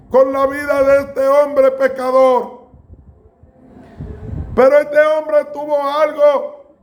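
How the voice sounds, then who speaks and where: A man preaching a sermon in a slow, emphatic way, with bursts of raised voice. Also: very high-pitched.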